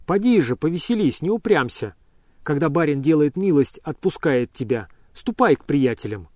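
A man voicing a nervous, agitated gentleman who keeps pressing and urging. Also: on the high side, very animated, normal speed, no room sound, studio quality. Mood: insistent. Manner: insistent, pushy.

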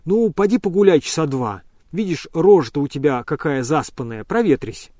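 Flustered, pushy gentleman as a male reader plays him, raised voice, dry. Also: fairly high pitch, expressive, normal speed, no echo, natural voice. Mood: insistent. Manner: insistent, pushy. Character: agitated nervous gentleman, insistent and flustered.

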